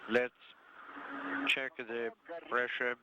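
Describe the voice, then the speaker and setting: A man's voice: medium pitch, flat delivery. A man interpreting crew radio chatter line by line, heard over a muffled mission radio loop. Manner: halting, line-by-line translation. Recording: muffled radio audio with hiss.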